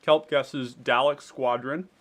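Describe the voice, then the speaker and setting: A man's voice: medium pitch, fairly even intonation, takes it slowly, fairly bright tone. A man hosting a live stream, chatting casually with viewers, reading their comments and talking while he eats. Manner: chatty, eating while talking, reads out chat. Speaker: streamer host.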